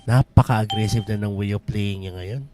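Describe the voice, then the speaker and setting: A man's voice: lowish voice, fairly even intonation, moderate pace, noisy background. A man with a Filipino accent co-commentating a pool match, chatty and laughing, mixing Tagalog and English. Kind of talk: relaxed billiards commentary.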